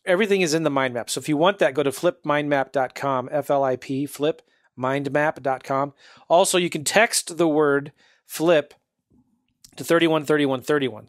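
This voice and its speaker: A man's voice: a little high, no room sound, clean studio sound. A man hosting a podcast, upbeat and chatty, often laughing as he talks. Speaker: podcast host. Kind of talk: casual interview chat.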